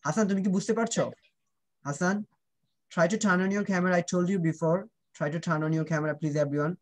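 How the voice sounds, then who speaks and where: A man's voice: high voice, a little slow. A man teaching children pronunciation in an online class. He drills sounds and keeps asking whether the students understand, switching between Bengali and English.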